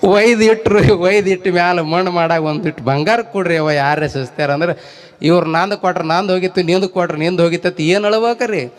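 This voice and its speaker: High-voiced North Karnataka comic. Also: male voice, brisk. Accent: North Karnataka Kannada. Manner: lively storytelling, rhyming wordplay, jumps into quoted voices; talks straight to a laughing audience. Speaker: stage comedian. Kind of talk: folk stand-up comedy with rhymes and anecdotes.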